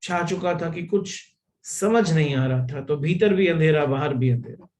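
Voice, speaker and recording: A man giving a spiritual discourse, telling a parable slowly and deliberately and repeating phrases for emphasis. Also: fairly high pitch, darkish tone, low-quality recording. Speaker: spiritual teacher.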